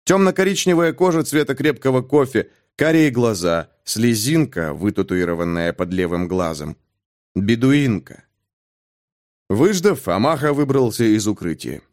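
Male audiobook narrator, dramatic thriller reading, lively rising-and-falling pitch. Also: moderate pace. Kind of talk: scripted narration.

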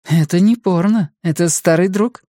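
A man's voice: high-pitched, normal speed, dark tone, dry recording, clean studio sound, voice pushed up, close to an everyday voice. A man voicing a flustered, daydreaming woman in an audiobook. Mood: defensive.

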